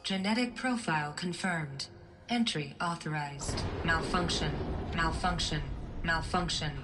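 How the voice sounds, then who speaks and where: A glitching security computer speaks in a lowish, cold female register. Each announcement comes out clipped and flat, as if read by a failing system. Faint game music plays underneath. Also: unhurried. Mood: malfunctioning. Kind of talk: video game dialogue.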